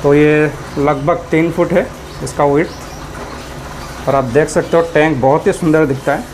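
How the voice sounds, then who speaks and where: An aquarium hobbyist vlogger casually narrates his stroll through an aquarium and pet shop, chatting to viewers while pointing out the stock and its prices. His voice is on the high side and steady in tone, moving at a moderate pace, with noise in the background.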